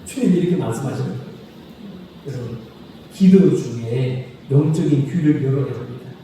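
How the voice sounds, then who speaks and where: A man preaching a sermon as pastor, reading scripture slowly and asking the congregation questions, then repeating the answers himself. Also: mid-range voice, mellow. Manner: asks the congregation questions and repeats key phrases; slow, solemn scripture reading. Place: church sanctuary. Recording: echoey hall reverb from a distant mic, faint noise.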